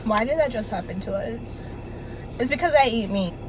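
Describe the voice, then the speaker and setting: Young woman vlogger, high bouncy voice, giggly and dramatic, phone-recorded on a noisy street. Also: expressive, moderate pace. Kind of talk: casual vlog chat. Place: outdoors in a city, walking. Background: street and traffic noise.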